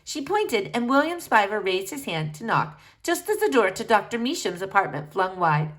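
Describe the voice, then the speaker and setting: Using a mid-range voice and moderate pace, a woman narrates a children's book with expressive storytelling.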